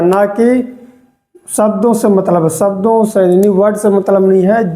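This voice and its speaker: A teacher giving a grammar lesson, repeating key words slowly and checking in with the listener. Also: mid-range voice, mellow. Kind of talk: slow spoken grammar lesson.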